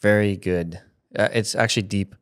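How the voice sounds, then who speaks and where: Recorded on a studio microphone with headphones, a content creator in his thirties talks casually as an interview guest at a moderate pace. His lowish, clean voice stays fairly even in intonation, and he rambles, restarts sentences, and frequently laughs.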